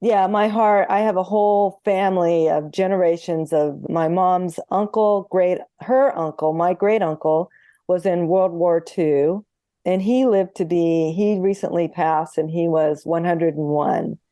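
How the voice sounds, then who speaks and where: A chatty, earnest woman homeopath speaking as an interview guest over a video call. Her voice is mellow and warm-toned, and the sound is dry and close. She tells stories and slips into acting out the dialogue. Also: fairly low pitch, a little slow, dry recording. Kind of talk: conversational interview.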